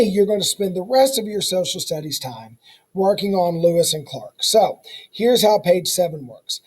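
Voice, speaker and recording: A man's voice: high-pitched, a little mellow, slightly rough, rough recording. A male social studies teacher, talking students through a recorded online lesson in a casual, folksy way and repeating the key points.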